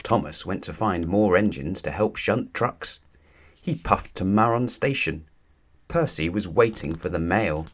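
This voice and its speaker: Speaking in a low voice, this narrator reads a kids' bedtime book slowly and with lots of expression, taking a deliberate storytelling approach to the read-aloud.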